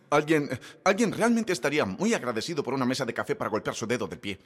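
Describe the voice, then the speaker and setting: A man preaching a sermon in a church, joking and conversational, swinging from soft asides to shouted peaks. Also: medium pitch, animated, fast. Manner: jokey and conversational. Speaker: pastor.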